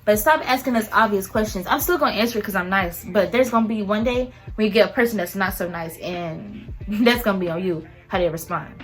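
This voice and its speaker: A young woman in a casual storytime rant about fast food work, animated and mimicking customers. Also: medium pitch. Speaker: vlogger and fast food worker.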